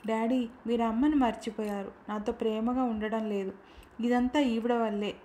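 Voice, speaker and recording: A woman's voice: on the high side, fairly even intonation, moderate pace, mellow, a little hiss or hum, natural voice. A woman reading the lines of a young schoolgirl who speaks earnestly and pleadingly to her father. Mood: tearful.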